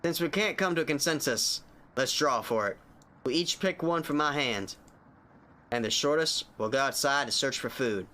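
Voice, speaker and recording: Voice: medium pitch, expressive, moderate pace, sharp tone. A streamer voicing the somber narrator of a horror game, reading scripted text aloud. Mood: somber, steady.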